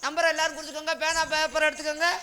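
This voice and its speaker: A man's voice: extremely high pitch, completely flat delivery, racing, pushed and bright, faint music behind. A man on a village drama stage, reading out notices like an announcer and trading jokes. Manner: reads out a sponsor notice in a chanting, announcer way. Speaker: stage comedian.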